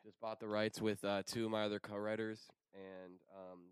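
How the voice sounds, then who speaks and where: A man's voice: fairly low pitch, moderate pace, clear, resonant tone, no room sound. A young man in a casual chat with friends, telling stories in slangy, profanity-laced talk. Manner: profane, slangy, animated storytelling. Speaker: screenwriter.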